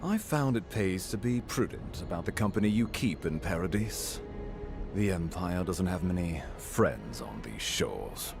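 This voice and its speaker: A man's voice: low voice, sing-song, unhurried, creaky, exaggerated voice. An actor playing a formal, self-important imperial ambassador, a middle-aged man who is wary of strangers, in a game. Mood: pompous. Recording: game audio with loud music.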